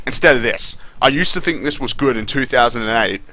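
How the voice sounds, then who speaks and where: Disgruntled, sweary male gamer with a bright voice. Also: medium pitch, brisk. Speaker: gaming commentator. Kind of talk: casual gameplay commentary.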